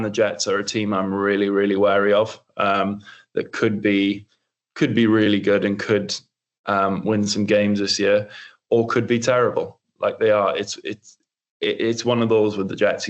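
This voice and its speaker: A man's voice: fairly low pitch, dull audio. A young man co-hosting a casual sports podcast, rambling with lots of ums and restarts. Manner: rambling, filler-heavy, many restarts. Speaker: co-host.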